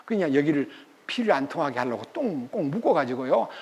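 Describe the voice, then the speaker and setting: A man's voice: a little high, big pitch swings, fairly quick, darkish tone, breathy edge, long reverb tail. An older man preaching a sermon as pastor at a church retreat, telling the story with emphatic energy.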